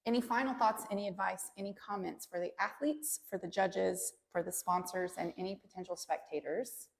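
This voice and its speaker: A woman's voice: mid-range voice, fairly even intonation, normal speed, gravelly. A woman hosting an interview, chatty and asking guests questions. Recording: long hall reverb.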